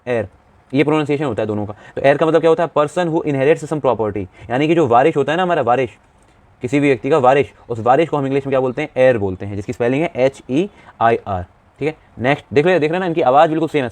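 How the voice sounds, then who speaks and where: A young man teaching an English vocabulary lesson at a brisk clip. He often puts a question to his viewers and then answers it himself. The sound is dry and close, with no room around his voice. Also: medium pitch, a little mellow, no echo. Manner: explains, then asks the class questions and answers them himself; often says "theek hai" to check in with the viewer. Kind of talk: classroom lesson explaining vocabulary.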